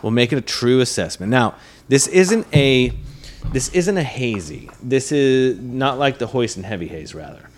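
A man hosting a casual podcast, chatting and reviewing a beer in a rambling, animated way. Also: mid-range voice, moderate pace, slight background noise. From United States. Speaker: podcast host.

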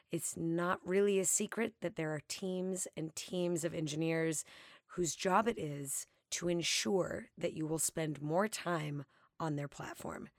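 A woman's voice: on the low side, no room sound, clean studio sound. A woman hosting a podcast, talking casually and upbeat with a tired voice. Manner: chatty, self-deprecating, upbeat. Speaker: podcast host.

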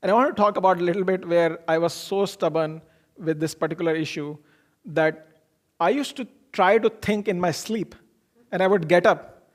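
A man's voice: sits high, moderate pace. A man gives an informal motivational talk, explaining earnestly through personal anecdotes and posing questions that he then answers. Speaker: speaker giving a self-improvement talk.

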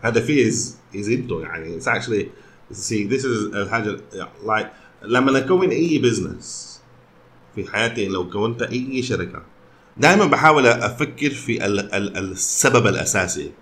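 A man's voice: on the low side, lively intonation, normal speed, fairly bright tone. A man with a Sudanese Arabic accent in casual conversation, switching often between Arabic and English. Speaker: company founder.

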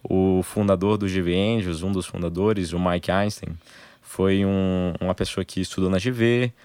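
A young man with a Brazilian Portuguese accent, his voice sitting very low. He talks as an interview guest in relaxed conversation, laying things out in short, halting phrases. The sound is close and dry, with no room in it. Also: clean tone, no echo. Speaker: interview guest, angel investor group member.

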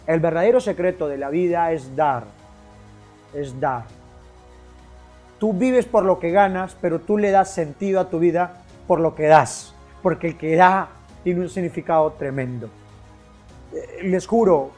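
High-pitched, emphatic motivational speaker. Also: male voice, mellow. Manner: emphatic, repetitive rhetorical questions. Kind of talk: motivational speech.

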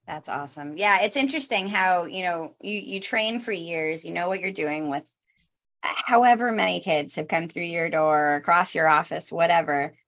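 A woman in her thirties co-hosting a podcast, telling stories in a lively way and acting out quotes. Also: lowish voice, moderate pace. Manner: animated storyteller, acts out quotes. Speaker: podcast co-host. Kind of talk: casual podcast chat.

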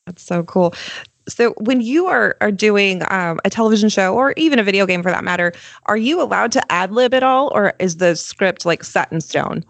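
Female interviewer, casual conversational questioning, mid pitch, very dry recording. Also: lively intonation, moderate pace, creaky, dry recording.

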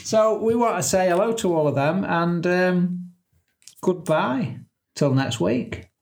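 A man's voice: high-pitched, animated, slow pace, vocal fry, a little mellow. A man co-hosting a podcast in casual chat, joking and laughing at his own gags. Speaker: podcast co-host.

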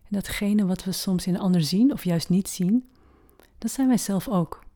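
A woman of medium pitch guides listeners through a meditation, speaking gently and slowly. She pauses at length, and her soft voice often becomes a breathy near-whisper.

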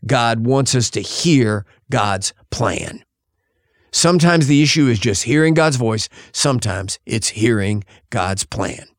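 A male pastor preaching a sermon, shifting dramatically between loud and hushed delivery. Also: mid-range voice, lively intonation, slow pace, dry recording, studio quality.

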